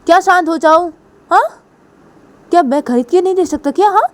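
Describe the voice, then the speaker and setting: A woman's voice: fairly high pitch, fairly even intonation, a little fast, warm tone, voice pushed up, natural voice. A woman voicing a brash, hot-tempered young woman who talks in a demanding, boastful way. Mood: angry.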